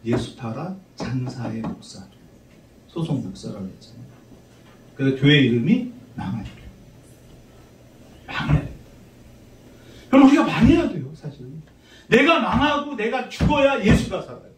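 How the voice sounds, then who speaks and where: A middle-aged man preaching a sermon as pastor, conversational and animated, teasing his congregation. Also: high voice, moderate pace, pauses often. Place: church sanctuary. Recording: roomy church sound from a distant mic.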